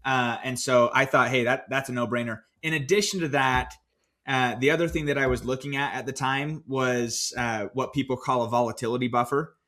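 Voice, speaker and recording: A man co-hosting a podcast, recounting his own finance choices in a relaxed, storytelling way with plenty of fillers. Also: medium pitch, fairly quick. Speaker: podcast co-host. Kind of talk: casual podcast discussion.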